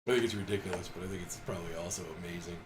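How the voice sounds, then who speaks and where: A man co-hosting a casual developer chat, explaining his work in a relaxed way. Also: deep voice, rapid-fire, music in the background. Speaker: game developer, co-host.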